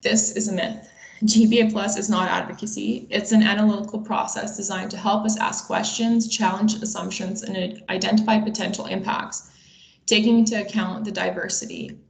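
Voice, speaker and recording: A twenty-something woman from Bosnia and Herzegovina gives a prepared webinar talk, her mid-pitched voice creaky and her intonation fairly even. She lays out every point in a measured way, and the room's echo is clearly audible.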